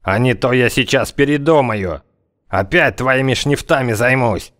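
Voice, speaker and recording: A man voicing a tough, slang-talking gunman who threatens and mocks in a slow drawl. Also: medium pitch, fairly bright tone, voice pushed up, natural voice. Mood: scornful. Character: tough slangy male gunman, menacing, scornful.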